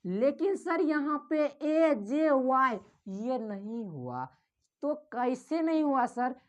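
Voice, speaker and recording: A woman's voice: high-pitched, sing-song, slow pace. A woman teacher explains spelling step by step, calls the viewer "sir" and repeats each sound over and over. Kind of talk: slow classroom explanation, repeating drills.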